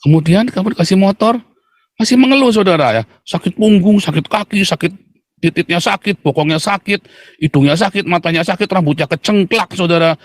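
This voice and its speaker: A male pastor preaching with a tinge. His voice sits a bit high for a man and comes across close and dry. He keeps addressing the congregation directly and mimics whining people with quick mocking voices. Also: no echo. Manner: animated, addresses listeners as "Saudara", acts out complainers in mocking voices. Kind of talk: sermon.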